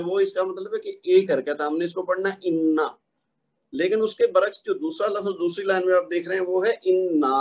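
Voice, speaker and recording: A man with a fairly high voice teaches recitation as a patient lesson. He asks small questions and answers them with one example after another. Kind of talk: explanatory lesson.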